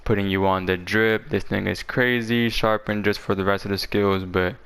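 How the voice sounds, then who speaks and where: A man's voice: on the low side, fairly even intonation, normal speed, fairly bright tone, clear, resonant tone. A man talking casually and in slang as he presents a game build guide, his voice a little parched from being sick. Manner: informal, slangy talk.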